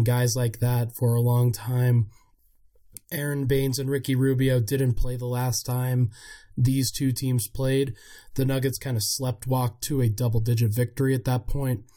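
A man hosting a sports podcast with commentary, his voice gravelly, hoarse and worn out from being sick. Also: mid-range voice, mellow. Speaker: podcast host.

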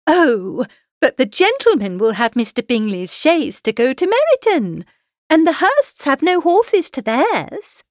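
A woman voicing a fussy, excitable middle-aged mother, gushing and insistent, in a dramatised reading of a classic novel. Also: sits high, unhurried, dry recording, clean studio sound, pitched above the performer's own voice. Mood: pleading, insistent. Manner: exclaiming, insistent, fretful.

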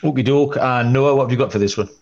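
A man hosting a sports betting podcast, talking in a middle-pitched voice. He runs through pitching stats and betting lines in relaxed chat, leaning on "um" and "uh" as he goes. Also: lo-fi sound. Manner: brisk, reads stats with filler "um" and "uh". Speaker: podcast host.

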